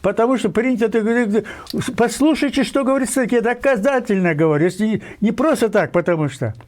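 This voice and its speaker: An older man from Kyrgyzstan, a guest writer, gives emphatic interview talk in a voice unusually high for a man and a little mellow. He presses his points insistently, drifts into tangents, and fills many pauses with hesitations and fillers.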